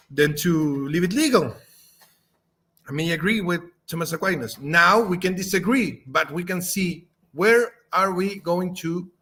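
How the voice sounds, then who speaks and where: A man from Chile with a Chilean Spanish accent, a native Spanish speaker, giving a halting spoken response in English with many fillers and restarts. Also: high-pitched, sharp tone. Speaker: channel host.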